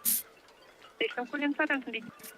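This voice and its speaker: A man handles harbour traffic over a marine VHF radio channel, his high, sharp voice cutting through the transmission. He speaks in clipped, formal radio procedure, reading calls and times precisely. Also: steady tone, moderate pace, soft background music. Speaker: vessel traffic service radio operator.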